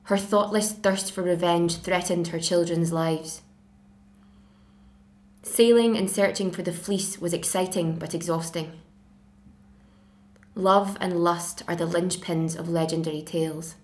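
A 21-year-old woman from Scotland with a Glasgow accent, reading a passage aloud in a measured, careful way and introducing herself. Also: lowish voice, a little mellow. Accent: Glasgow Scottish.

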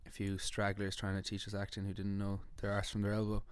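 Man, West of Ireland Galway accent, clean smooth voice, dry close sound, casual, matter-of-fact. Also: fairly low pitch, monotone, fast talker, dry recording. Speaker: actor. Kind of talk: casual conversational self-introduction and chat.

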